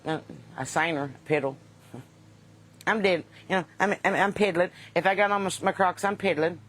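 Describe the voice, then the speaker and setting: Hosting a livestream, this singer from Kentucky talks with her viewers in a lowish, slightly bright voice at normal speed. Her Southern US accent carries a folksy, rough-edged, joking style.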